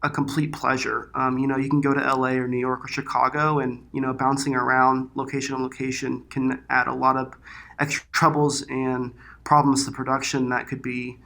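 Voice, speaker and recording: A man's voice: medium pitch, little pitch movement, brisk, creaky, bright, forceful tone. A man giving casual interview answers as a filmmaker guest, in informal, loosely phrased speech. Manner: informal, hesitant phrasing with frequent "like" and "you know".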